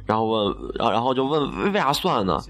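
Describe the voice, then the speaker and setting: With a fairly bright, mid-range voice, this young Xi'an broadcasting student speaks fast and animatedly. He delivers a casual, chatty run of funny stories, mocking himself and cracking up at his own jokes.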